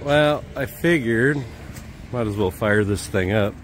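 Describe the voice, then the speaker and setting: A relaxed man with a fairly low voice talks offhand about an old truck, thinking out loud and slipping in dry jokes. He is outdoors by the truck and inside its cab, speaking into a handheld phone camera, with faint music behind him. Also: measured pace. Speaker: homesteader showing his truck. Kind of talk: casual walkaround vlog.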